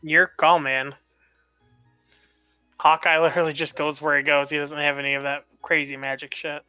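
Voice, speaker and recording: A blunt, profane man chats casually as a player at a tabletop game. His voice is very bright and crisply clear, recorded dry and close. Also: a little high, flat delivery, moderate pace, no room sound, faint music behind.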